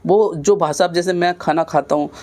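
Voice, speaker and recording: A man teaching an online exam-prep Hindi lesson from north India, explaining slowly, repeating words to demonstrate pronunciation and mixing in English words. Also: a little high, a little mellow. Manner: self-corrects and mixes in English words.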